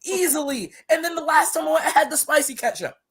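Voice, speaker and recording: With an extremely high-pitched voice and a fast delivery, a Barbadian wrestler talks casually on a podcast. He tells animated stories, laughs frequently and repeats words.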